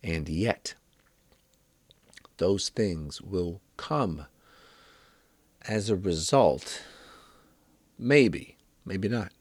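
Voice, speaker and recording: Deep-voiced man, gentle wellness talk. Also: extremely slow, pauses often, no echo. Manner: gentle, affirming, frequent "right?" tags. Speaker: wellness coach. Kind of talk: reflective monologue.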